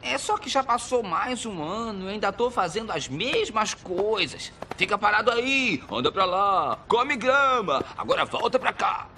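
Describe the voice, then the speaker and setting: A man with a Brazilian accent voicing a lively, restless, wisecracking zebra in an animated film dub, playful and slangy. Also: sits high, measured pace, hardly any pauses, slight background noise, full character voice. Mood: discontented.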